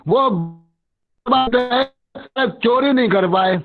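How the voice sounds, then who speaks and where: An older man slowly telling a devotional memory over an online call that breaks up and echoes, his phone held away from his mouth. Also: very high-pitched, vocal fry. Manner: halting, slow, trailing off. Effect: breaking up, cutting out on a poor online call. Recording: dull, choppy, echoey call audio with faint music.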